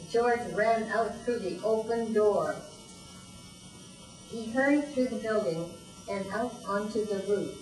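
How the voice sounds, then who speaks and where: Slow-paced older woman reading a storybook. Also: mid-range voice. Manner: expressive, deliberate storytelling for young children. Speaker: grandmother reading a children's storybook. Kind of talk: storybook read-aloud. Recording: roomy echo, distant mic, faint music.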